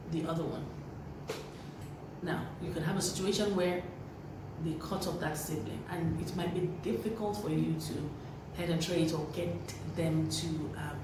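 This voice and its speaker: A woman giving earnest, preachy parenting advice to camera, repeating key phrases for emphasis. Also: on the low side. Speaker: parenting vlogger. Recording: very echoey room, voice from a distance, faint noise.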